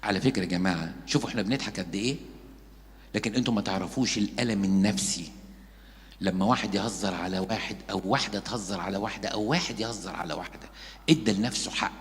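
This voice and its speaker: A man's voice: on the low side, big-room sound, slight background noise. A man, a Coptic priest with an Egyptian Arabic accent, preaching a sermon and acting out the people in his stories. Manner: lively storytelling, acting out gossips and mockers.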